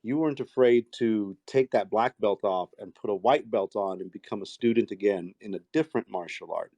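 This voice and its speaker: Low mellow guy hosting a chat, keeps saying that's cool, dry sound. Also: no room sound, highs cut off. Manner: encouraging, quick to affirm with short replies. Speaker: podcast host. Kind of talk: casual interview chat.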